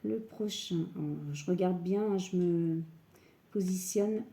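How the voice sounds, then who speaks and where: A woman calmly guiding a scrapbooking tutorial step by step, working standing up. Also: fairly low pitch, takes it slowly. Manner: calm step-by-step, often says "voilà". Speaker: scrapbooking crafter. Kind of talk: crafting tutorial.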